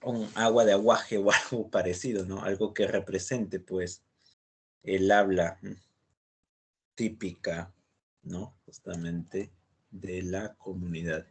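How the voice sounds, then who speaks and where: A man's voice: sits low, steady tone, slow pace, pauses often, darkish tone, husky. A man from Lima with a Limeño Peruvian accent, teaching a literature class in a chatty way and tagging his sentences with "¿no?". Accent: Limeño Peruvian Spanish. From Lima, Peru. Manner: chatty, tags sentences with "¿no?" and "justamente".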